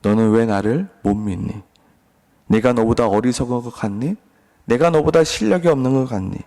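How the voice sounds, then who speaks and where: A man voicing God questioning a doubting believer, low and firm. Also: normal speed, mellow, close to an everyday voice. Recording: long reverb.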